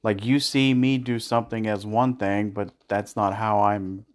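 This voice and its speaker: A man's voice: lowish voice, fairly even intonation, unhurried. A man co-hosting a casual podcast chat with his partner, sarcastic and swearing casually. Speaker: podcast co-host.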